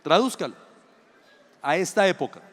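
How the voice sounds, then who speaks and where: A man preaching, his voice sitting high for a man. He is dramatic and theatrical, acting out little dialogues and asking the crowd rhetorical questions. His voice rings with long reverb in a big hall. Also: animated, moderate pace, a bit bright. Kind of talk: sermon.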